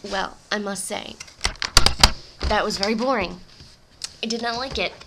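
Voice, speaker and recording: A woman's voice: mid-range voice, measured pace, heavy background noise. A woman reading a novel aloud in an amateur way, stumbling over words and correcting herself. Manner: blunt, unimpressed in her own comments. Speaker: reader.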